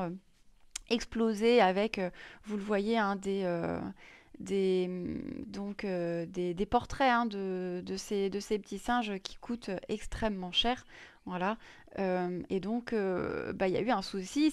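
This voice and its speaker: A woman's voice: mid-range voice, measured pace, smooth, dry recording. A woman presenting crypto news in a casual screen-share explainer, chatty and full of hesitations. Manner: many fillers and restarts, chatty.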